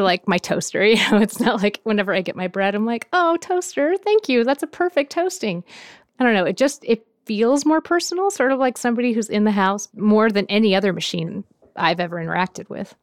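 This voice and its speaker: A woman's voice: medium pitch, smooth, no echo, clean studio sound. Chatty, giggly woman guest. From Portland, Oregon. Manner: chatty, giggly, lots of fillers. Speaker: listener guest. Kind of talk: casual interview.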